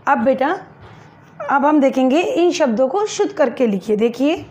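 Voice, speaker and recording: A woman's voice: sits high, lively intonation, moderate pace, a little mellow, slight background noise. A woman teacher giving a lesson to young pupils, patiently spelling words out syllable by syllable and asking and answering her own questions. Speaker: school teacher.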